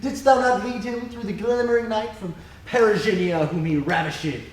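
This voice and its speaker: Imperious fairy king played by a man, high male voice, hammy stage declaiming, heard from far off in a big echo. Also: moderate pace, close to an everyday voice. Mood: reproachful. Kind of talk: Shakespearean verse stage acting. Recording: echoey hall, distant, faint noise.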